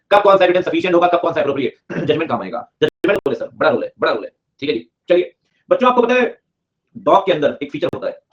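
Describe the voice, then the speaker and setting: A man teaching a class at a breakneck clip, cracking jokes and pushing students to answer fast. His voice sits a little high for a man. The recording sounds muffled and lo-fi. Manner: joking, mixes English terms into Hindi, presses students for quick answers. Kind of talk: classroom lecture.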